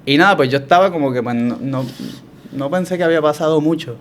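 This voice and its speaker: A man with a Puerto Rican Spanish accent, telling his story as a guest in a relaxed, reflective way with frequent restarts. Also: a little high, fast talker, slight background noise. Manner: reflective, hesitant with many restarts. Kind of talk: conversational testimony.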